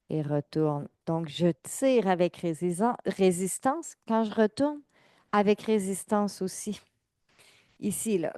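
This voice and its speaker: A woman leads an exercise class, giving calm, measured cues and counting down reps. She speaks very slowly in a fairly low, mellow voice. The sound is dry and close. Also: no room sound. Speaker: fitness instructor.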